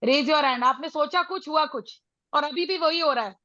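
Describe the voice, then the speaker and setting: A middle-aged woman with an Indian accent leading a motivational parenting session, mixing Hindi and English with emphatic, drawn-out phrases. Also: high-pitched, pushed and bright, dry recording, lo-fi sound. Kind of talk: motivational talk to a live group.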